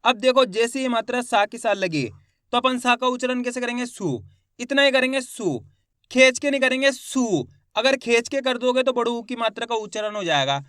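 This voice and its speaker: A man with a Hindi accent leads a patient phonics lesson. His voice sits high and sounds clear and smooth. The recording is dry and close. He drags out single syllables, then blends them into words, and checks often that viewers understand. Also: fast, bright, forceful tone, no room sound. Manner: asks the viewer frequent check-in questions. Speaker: Hindi reading teacher.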